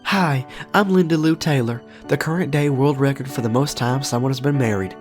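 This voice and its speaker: A man voicing a much-married woman record holder who introduces herself brightly. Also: mid-range voice, brisk, soft background music, voice pushed up, lightly acted. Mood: chirpy.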